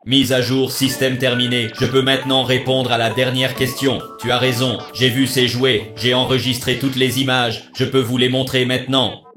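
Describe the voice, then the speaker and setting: A man voicing a talking toy robot with artificial intelligence, using a robot voice that is flat and precise and talks in calculations. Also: medium pitch, normal speed, hardly any pauses. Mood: logical. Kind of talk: cartoon voice acting. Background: children's music.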